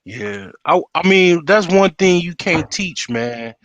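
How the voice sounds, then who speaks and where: A man in a casual streamed chat who talks haltingly and repeats words while he looks for them. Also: fairly high pitch, sing-song, fairly bright tone, no room sound. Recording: dull lo-fi stream audio.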